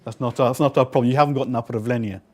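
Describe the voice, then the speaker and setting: A British man in his fifties, a guest speaker and interpreter, tells a personal story to a live audience with dry, wry humor, acting out quoted exchanges in a conversational way. His medium-pitched, darkish voice stays steady while racing along.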